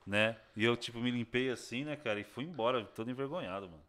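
A man's voice: mid-range voice, quick pace. A young man, telling a personal story in casual chat and acting out the people in it. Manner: animated, acts out voices of people in his story, slangy. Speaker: guest telling his conversion story.

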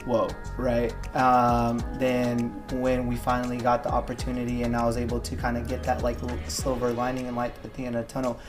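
A man's voice: mid-range voice, monotone, brisk, few pauses. A man in his thirties from Hawaii, a gym owner talking casually and reflectively as an interview guest, with many ums and likes. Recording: music bed under voice.

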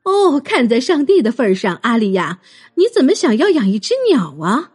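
A woman's voice: fairly high pitch, sing-song, moderate pace, darkish tone, slightly rough. A woman voicing a flustered mother who protests hurriedly.

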